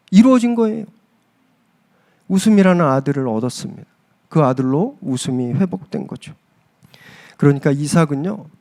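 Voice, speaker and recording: A man with a high voice preaches a church sermon. He talks warmly and directly to the congregation. He drives his key phrases upward with emphasis. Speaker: pastor. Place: church service.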